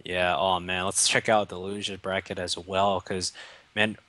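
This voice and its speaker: A man's voice: low-pitched, flat delivery, unhurried, bright, forceful tone. A tired young man casting an esports match in a rambling, joking, self-mocking way, with faint music behind. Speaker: esports caster. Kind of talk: casual esports commentary.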